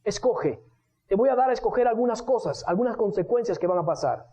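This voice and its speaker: A man preaching a sermon, telling the story in an animated way and acting out scenes. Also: high voice, fairly quick. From Venezuela. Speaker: pastor. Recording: dull radio broadcast recording.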